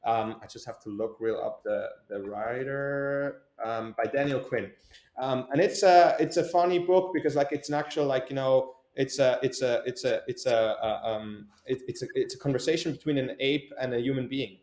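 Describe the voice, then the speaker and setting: A man's voice: mid-range voice, normal speed, a little mellow. A young man from Switzerland, an entrepreneur answering interview questions in a hesitant way, with many fillers and restarts. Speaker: entrepreneur guest. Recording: echoey room.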